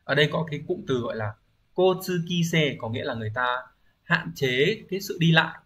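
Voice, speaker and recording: A man talks through an exam-review language lesson at an ordinary, mid-level pitch. He explains patiently, keeps checking in with rhetorical questions, and fills pauses with hesitant thinking-aloud sounds. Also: lively intonation, pushed and bright. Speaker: Japanese language teacher.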